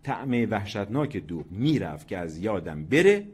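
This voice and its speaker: Give me a man narrating a short story with dramatic, lively delivery. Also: fairly low pitch, breathy edge. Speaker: story reader. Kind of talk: scripted narration.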